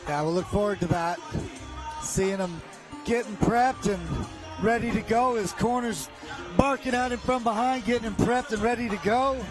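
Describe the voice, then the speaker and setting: Male co-commentator, high-pitched voice, casual live fight commentary, music behind. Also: moderate pace.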